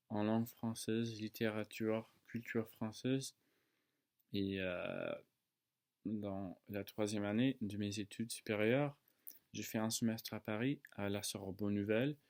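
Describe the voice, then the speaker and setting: A man in his early twenties from the United States speaks non-native French with an American accent, casually and haltingly, searching for words and correcting himself. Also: on the low side, darkish tone. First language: English. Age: early 20s. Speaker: student video maker. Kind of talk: casual talk to camera.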